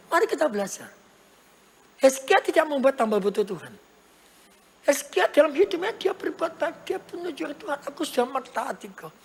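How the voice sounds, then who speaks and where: Emphatic woman preacher. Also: sits high. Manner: emphatic, repetitive, with rhetorical questions. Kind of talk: sermon. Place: large church hall. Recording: church hall reverb.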